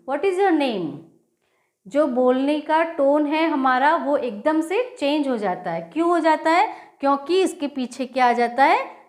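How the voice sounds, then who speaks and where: A woman teacher explaining a grammar lesson to children, patiently reading out example sentences word by word. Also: high voice.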